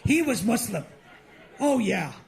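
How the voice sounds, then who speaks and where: A middle-aged man from India performing an animated stand-up set as host of a live comedy benefit show. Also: high-pitched, measured pace, gravelly. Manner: animated, mocking, with lively acted-out asides.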